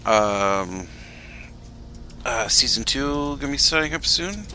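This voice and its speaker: Here a man streams his gameplay live, chatting in a rambling, self-deprecating way and frequently leaving sentences unfinished. He speaks slowly and expressively at a medium pitch, with background noise in the recording.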